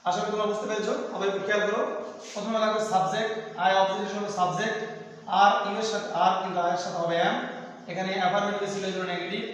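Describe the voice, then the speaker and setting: A teacher giving a grammar lesson, explaining step by step and asking questions, then answering them himself. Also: male voice, high voice, level tone, racing, a bit bright. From Bangladesh. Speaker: assistant teacher. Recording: echoey room, voice far from the mic.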